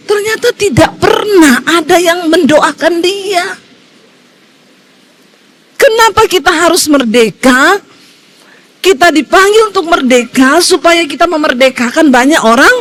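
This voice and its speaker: A woman pastor giving a sermon in a lively storytelling way, swinging between high exclaims and quiet low asides.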